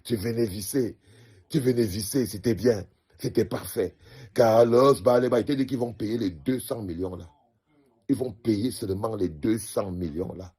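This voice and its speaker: A man with a Cameroonian French accent talks straight to the players in a comic monologue, with a husky, slightly breathy voice. He sounds fatherly and teasing and drives his points home by saying them again and again. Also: fairly low pitch, normal speed, dark tone. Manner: emphatic repetition, fatherly teasing. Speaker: comedian addressing the national team. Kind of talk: comedic monologue.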